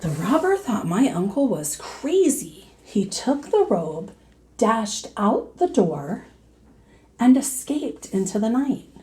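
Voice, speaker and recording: A woman teacher reading a storybook aloud to children in an expressive manner. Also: a little high, low-quality recording. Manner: slow, expressive, addressing young listeners.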